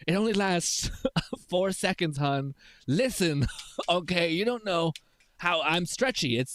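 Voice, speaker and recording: A young adult man streams live, reading chat and talking with viewers in a rambling, laugh-filled way with many restarts. His voice sits on the high side, and the recording is dry and studio quality.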